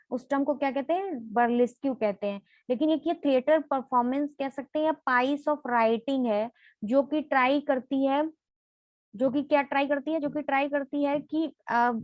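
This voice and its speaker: High-voiced woman teaching with repeated questions. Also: a little mellow, no room sound, rough recording. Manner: repeats each point as a question and then answers it. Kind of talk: exam-prep lesson in Hindi mixed with English.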